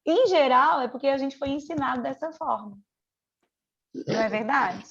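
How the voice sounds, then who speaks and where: Woman mentor, middle-aged, high bright voice, earnest teaching manner, dull lo-fi call sound. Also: animated, moderate pace. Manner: earnest, conversational, piles up rhetorical questions. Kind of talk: online mentoring lesson.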